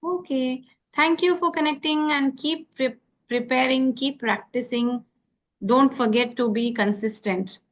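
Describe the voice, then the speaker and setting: On a low-quality recording, an English tutor from Karnataka, South India, runs phone conversation practice with a beginner over a call. Her high voice is unhurried with fairly even intonation, and she patiently repeats the essentials, frequently asking "okay?".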